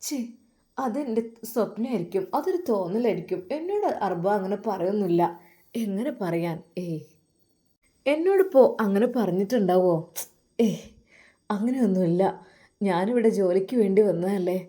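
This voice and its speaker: A woman voicing a frightened young housemaid who pleads softly and sounds distressed. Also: medium pitch, expressive, moderate pace, long pauses, natural voice. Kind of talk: storytelling voice acting.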